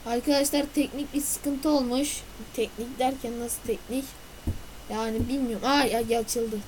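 A woman's voice: a little high, steady tone, a little slow, darkish tone, a little hiss or hum, rough recording. A woman hosting a let's play video, chatting to her viewers while she plays and bursting into silly noises and outbursts at the game. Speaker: gaming video host. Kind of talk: let's play gameplay commentary.

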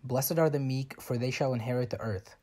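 Man reading liturgy slowly. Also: medium pitch, mellow. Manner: slow, measured chant-like reading. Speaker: church reader.

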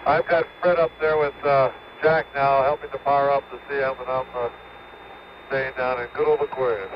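A man trades terse, procedural radio calls over a breaking-up space link. The transmission sounds muffled and narrow, with loud hiss and static running under his mid-pitched voice. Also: flat delivery, brisk. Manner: terse, procedural call-and-answer. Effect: crackly, breaking-up space radio link. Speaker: mission radio communicator. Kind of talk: clipped mission radio talk.

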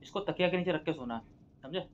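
Sketch comic, man, higher voice, loud scolding doctor, lo-fi recording. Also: fast talker, slight background noise. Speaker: comedy sketch creator playing doctor and patients. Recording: dull lo-fi sound.

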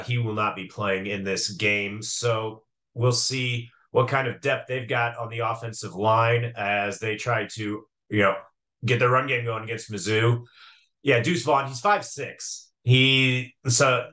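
A man co-hosting a sports podcast, chatting about football in a loose, conversational way. His voice is bright and forward, and he stops and restarts often as he thinks out loud with fillers. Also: mid-range voice, fairly even intonation, a little slow. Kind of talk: casual sports talk.

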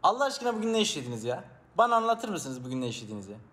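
A man chatting live with viewers in a playful, teasing way, acting as a mock teacher. He jumps between loud outbursts and low mumbling. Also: very animated, very fast. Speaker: live streamer. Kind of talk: casual live-stream chat with viewers.

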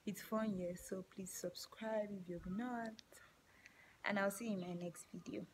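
A woman with a Nigerian accent, out of breath after exercise, chatting playfully to her viewers and often dropping to a breathy half-whisper. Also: mid-range voice, fairly even intonation, normal speed, slight background noise, poor audio. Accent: Nigerian English. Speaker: vlogger. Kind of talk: casual chat to camera.

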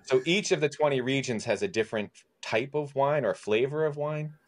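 A man's voice: mid-range voice, a little fast. A man hosting a podcast, chatting casually and often restarting his sentences with small stammers. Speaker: podcast host.

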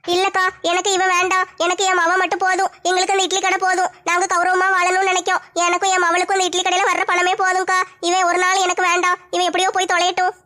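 A woman's voice: extremely high pitch, completely flat delivery, fast talker, hardly any pauses, sharp tone. A woman playing a frightened, tearful young wife who complains about her husband in a comedy skit. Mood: worried. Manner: pleading, worried.

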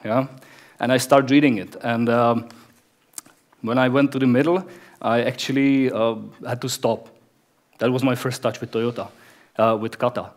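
A man in his thirties speaks English with a Czech accent into a headset mic on a conference stage. His delivery is fairly flat in pitch and halting, with frequent repeated words and restarts as he tells his story. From Czech Republic. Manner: hesitant, many word repeats and restarts. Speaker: conference speaker, production director. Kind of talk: conference talk without slides. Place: bright stage of a conference hall. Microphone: headset microphone.

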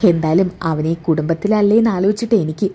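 A woman voicing a middle-aged mother who is suspicious and defiant, throwing sharp, probing retorts in a storytelling retelling of a TV serial. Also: on the low side, quick pace, husky.

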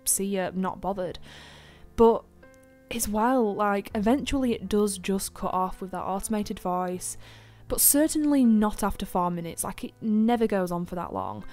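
A woman tells a true crime case on her podcast in a loose, conversational way. She is chatty and opinionated, filling her talk with ums, asides and blunt verdicts, and her voice sits at an ordinary middle pitch. Faint music plays quietly behind her. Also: expressive, moderate pace. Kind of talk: casual true crime storytelling.

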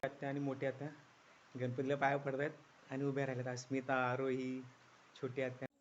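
A man's voice: medium pitch, monotone, a little fast, muffled recording, slight background noise. A man from the Konkan region narrating a casual walking tour as a vlogger, upbeat and full of praise for what he films. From Konkan, India. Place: village outdoors in rain.

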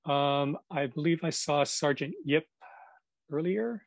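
A man's voice: on the high side, slow, gravelly, dry recording. A man hosting a commemorative video call, casually calling on guests one by one. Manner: casual, friendly, calls on guests by name. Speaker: event host.

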